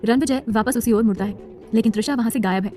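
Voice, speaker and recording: A woman's voice: on the high side, fast, warm tone, soft background music. A woman narrating a serialized romance story in a scripted storytelling style.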